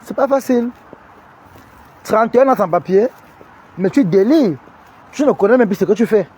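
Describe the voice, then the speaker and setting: A man's voice: sits high, expressive, moderate pace, dark tone, husky. A man giving mocking commentary, scolding and teasing the person he talks to directly. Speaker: online commentator. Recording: wind noise and street sound.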